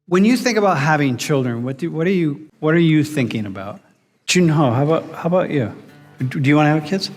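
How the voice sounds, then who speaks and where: Animated professor in a lecture hall. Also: male voice, on the high side, a little fast. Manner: animated, questions students directly, restarts sentences. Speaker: university professor. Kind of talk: classroom lecture. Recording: reverberant lecture hall with background music.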